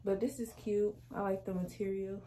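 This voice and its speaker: A woman's voice: medium pitch, flat delivery, normal speed, dark tone, slight background noise, poor audio. A young woman, chatting through a clothing try-on haul in her bedroom, sassy and full of slang. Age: young adult. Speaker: fashion vlogger. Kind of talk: casual try-on haul chat. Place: small bedroom indoors. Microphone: camera across the room.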